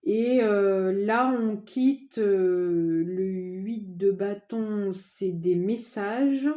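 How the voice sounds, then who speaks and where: A woman giving a casual tarot reading to viewers, chatty and informal, often pausing with fillers. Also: mid-range voice, mellow. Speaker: tarot card reader.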